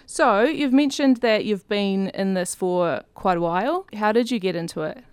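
A woman's voice: medium pitch, normal speed, clear, resonant tone, dry recording. A woman hosting a casual studio interview, putting questions to her guest in a conversational way. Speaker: radio show host, interviewer.

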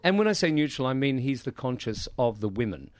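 A man's voice: medium pitch, sing-song, brisk, no echo. A male musical theatre actor, chatting enthusiastically as a guest in an interview. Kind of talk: casual interview chat.

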